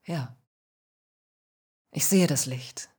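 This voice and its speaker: A woman voicing the ghost of a man killed in a motorcycle crash, snappish at first and later quietly remorseful, in a spoken ghost story. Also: deep voice, moderate pace, slightly rough. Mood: hopeful. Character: dead male biker ghost, gruff, then humbled.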